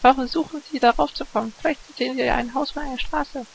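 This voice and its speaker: A man voicing a calm, practical young woman in a high falsetto, reading game dialogue aloud. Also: quick pace, gravelly, slight background noise, low-quality recording.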